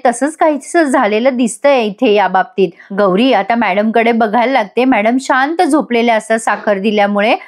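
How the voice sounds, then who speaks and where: Woman narrating a TV serial recap. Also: on the high side. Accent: Marathi. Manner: retells scenes and acts out the characters' quoted lines. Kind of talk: casual voice-over episode recap.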